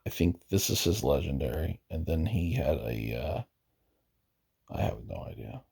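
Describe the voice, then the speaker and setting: A man's voice: rumbling low, big pitch swings, unhurried, creaky, dark tone, slightly rough. A man giving casual, rambling commentary while browsing a video game roster, hesitant and often correcting himself, losing his voice. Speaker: gaming video host.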